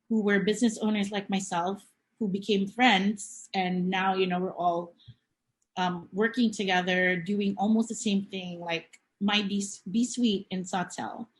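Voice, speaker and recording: A woman's voice: medium pitch, fairly even intonation, measured pace. A woman in her thirties from the Philippines, a cafe owner talking as a podcast guest in an earnest, reflective storytelling way. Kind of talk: conversational podcast interview.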